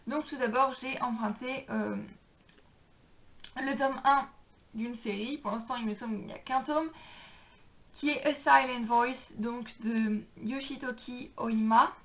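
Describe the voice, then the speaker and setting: A woman's voice: fairly high pitch, unhurried, long pauses. A young woman chatting casually about books she borrowed, with many hesitations and fillers. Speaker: book vlogger. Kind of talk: casual book haul chat. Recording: dull lo-fi sound.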